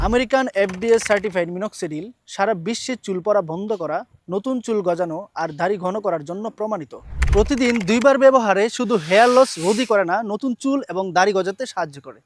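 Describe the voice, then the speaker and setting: A man's voice: sits high, a little hiss or hum. A man reading a scripted promotional voice-over in an upbeat, salesy manner. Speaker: advertisement voice-over.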